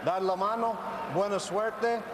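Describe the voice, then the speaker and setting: A male referee delivers businesslike pre-fight instructions. His voice is notably high and rings in a big echoing arena with clear noise around it. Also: fairly even intonation, measured pace. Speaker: boxing referee.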